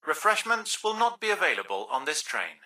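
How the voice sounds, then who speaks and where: A man's voice: fairly high pitch, sing-song, bright, forceful tone, distant mic, heavily acted. A man playing a railway station announcer, reading a formal train station announcement about platforms and delays. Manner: formal, measured public announcement delivery.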